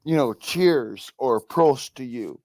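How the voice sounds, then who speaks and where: A man's voice: mid-range voice, expressive, slow, a little mellow, no echo. A man with an Arkansas accent chatting casually, insistent and repeating himself for emphasis. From United States, Arkansas. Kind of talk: casual chat.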